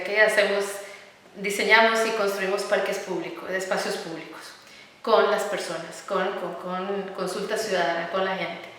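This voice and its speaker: Earnest Costa Rican woman in an echoey room. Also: mid-range voice. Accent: Costa Rican Spanish. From Costa Rica. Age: middle-aged. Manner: earnest, warm about children, many fillers and repeated words. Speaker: architect and educator, interview guest. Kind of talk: conversational interview. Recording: echoey room, recorded from some distance.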